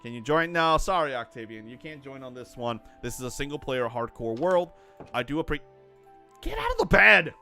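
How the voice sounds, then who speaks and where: A young man chatting casually on a live stream while gaming, excitable and rambling, laughing often. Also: medium pitch, brisk, soft background music.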